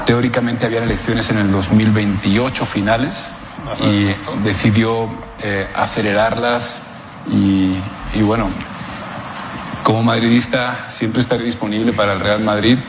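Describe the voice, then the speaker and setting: A man giving a measured, slightly hesitant recorded statement. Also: lowish voice, fairly even intonation. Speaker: interviewee. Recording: echoey hall with background noise.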